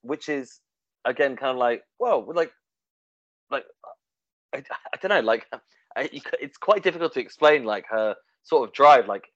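A man's voice: mid-range voice, lively intonation, moderate pace, long pauses, fairly bright tone, no echo. A man talking casually in a discussion, hesitant, with many fillers and restarts. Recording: dull, dry, lo-fi sound.

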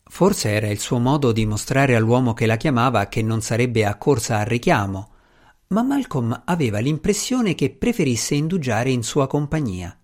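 A man reads an audiobook chapter aloud, steady and measured, at a middle pitch. His delivery stays even and unhurried throughout the narration. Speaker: audiobook reader.

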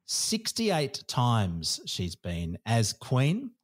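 A man's voice: mid-range voice, huge pitch swings, drawn-out words. A man with an Australian accent co-hosting comedic banter in a mock-dramatic manner. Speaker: podcast co-host.

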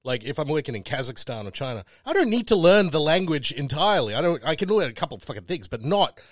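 A man from Singapore who now speaks with an Australian accent gives blunt, swearing opinions in casual talk. His pitch swings widely and sits a bit high, and the sound is dry. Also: very animated, fast, no echo. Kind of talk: casual chat.

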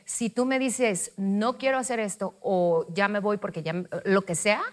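A woman hosting a casual conversation, telling a lively anecdote and acting out quoted lines. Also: medium pitch, normal speed. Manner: lively anecdote teller, acts out quoted dialogue. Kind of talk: casual chat.

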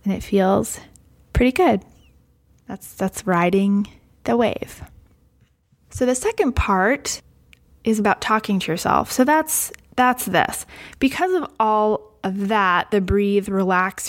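Woman talking you through a coping method, calm and chatty, lots of little asides, mid pitch. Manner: conversational, calm, frequent "you know" asides. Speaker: teacher explaining a coping technique. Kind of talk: explanatory talk to camera.

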